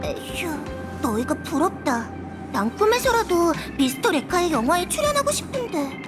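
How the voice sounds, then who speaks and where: A woman's voice: extremely high pitch, sing-song, moderate pace, over music. A woman voicing a wistful but eager young aspiring actress in a video game.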